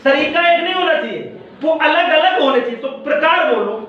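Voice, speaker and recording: A man's voice: very high voice, lively intonation, brisk, a little hiss or hum. A male science teacher in a classroom, quizzing and scolding pupils, repeating his questions. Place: school classroom. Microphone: far from the mic. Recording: echoey classroom, far off, dull.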